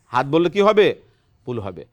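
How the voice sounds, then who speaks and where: A patient, encouraging Quran teacher speaks in a steady, middle-pitched voice. The lesson is taught in a television studio. The teacher keeps quizzing the students and checking with a quick "right?". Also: dull audio, a little hiss or hum. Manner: quizzes students, often adds a questioning "right?". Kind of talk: children's Quran pronunciation lesson.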